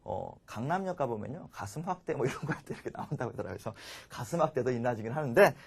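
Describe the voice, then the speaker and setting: Animated male English lecturer. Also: medium pitch, very fast, background noise. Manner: animated, drills students with call-and-response. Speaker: English teacher.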